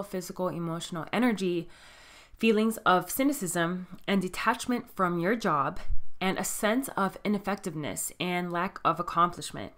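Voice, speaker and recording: A woman with a Miami American accent presents a solo podcast. Her voice sits at an average pitch for a woman. She follows prepared material in a conversational, plainly explanatory way. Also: fairly bright tone. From Miami, United States. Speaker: podcast host. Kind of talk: scripted solo podcast talk.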